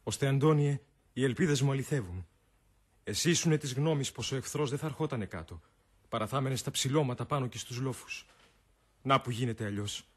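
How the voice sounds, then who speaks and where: An actor playing Octavius, a stubborn young Roman general, speaking firmly in a radio drama. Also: male voice, medium pitch, slightly rough, close to an everyday voice. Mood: confident. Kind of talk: classic radio drama acting.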